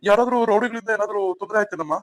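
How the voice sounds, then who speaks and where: A man's voice: high-pitched, very fast, noisy background, lightly acted. A man voicing a stern male police officer who questions sharply in a cartoon story. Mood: questioning. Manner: probing, stern.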